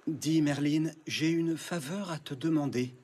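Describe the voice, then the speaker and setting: An actor playing a polite living doll in an anime dub, measured, calm and detached. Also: male voice, a little high, slightly rough.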